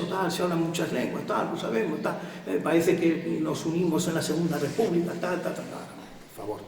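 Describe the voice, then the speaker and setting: Middle-aged Spanish male lecturer, rhetorical and emphatic, high voice, very echoey hall. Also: darkish tone, far from the mic. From Spain. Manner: emphatic, rhetorical questions to the audience. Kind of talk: public lecture to an audience. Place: cultural center hall.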